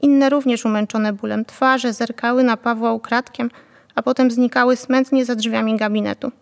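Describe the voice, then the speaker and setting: A woman narrating a novel in a calm, even storytelling manner. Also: on the high side, moderate pace, gravelly, big-room sound. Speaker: audiobook narrator.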